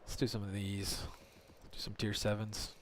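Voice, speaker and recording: A man's voice: fairly low pitch, monotone, moderate pace, a little hiss or hum. A man streaming a game, talking to viewers in live commentary and swearing often as he rants.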